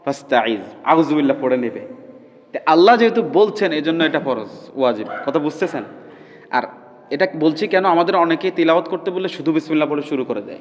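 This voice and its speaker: High-voiced man teaching recitation. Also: animated. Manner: keeps checking the class understands, drawls demonstration sounds slowly. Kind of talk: classroom pronunciation lesson. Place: classroom with students. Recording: dull, reverberant hall recording.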